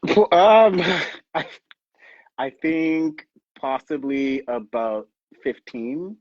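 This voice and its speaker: A man from the Bahamas chatting casually as a dating-show guest on a video call, easygoing and quick to laugh. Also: on the high side, expressive, dry recording. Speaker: guest contestant. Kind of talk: casual chat. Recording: dry, dull lo-fi sound.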